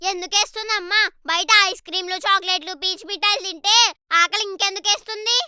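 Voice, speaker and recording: A woman's voice: very high-pitched, fairly even intonation, brisk, no room sound, heavily acted. A young girl playing a nagging, self-pitying old grandmother in a comedy skit, wailing and scolding. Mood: complaining. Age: child. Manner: wailing "ayyo ayyo", sharp scolding.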